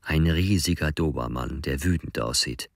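A man narrating a first-person story in a measured audiobook reading. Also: a bass voice, creaky, no echo, clean studio sound.

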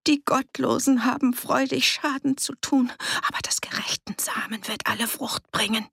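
A woman's voice: a little high, steady tone, normal speed, creaky, a bit bright, breathy edge, no echo, whispered, clean studio sound, voice pushed up, heavily acted. A woman reader voicing a desperate, frightened farm woman who speaks in broad rural dialect with a trembling voice.

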